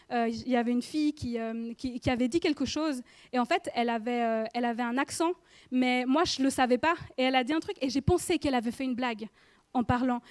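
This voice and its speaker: A woman in her thirties preaches an informal sermon in church, speaking chattily and directly to the listener with many questions. Her voice is high yet darkish, with no echo.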